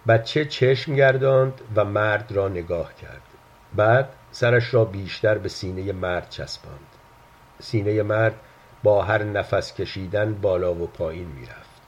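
Man, story narrator, husky low voice, calm measured reading, dull lo-fi recording.

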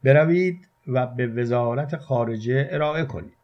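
A man voicing a gruff male soldier who guards a city gate, talking harshly and loudly in a muffled lo-fi recording. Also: medium pitch, natural voice. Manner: harsh, barking.

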